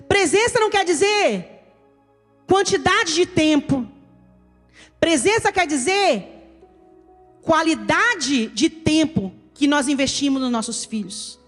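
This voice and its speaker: A woman pastor with a Brazilian Portuguese accent preaches an emphatic sermon, calling her listeners "querido." Her voice is high-pitched with lively intonation, slow and full of pauses, echoing through a church hall over soft music.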